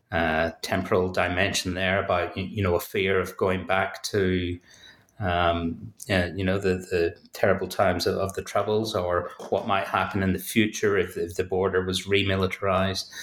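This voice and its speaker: Low-pitched and slightly bright, this Belfast-accented man from Northern Ireland is an author and academic being interviewed. He answers thoughtfully but hesitantly, with many fillers and restarts. The sound is reverberant, with slight background noise.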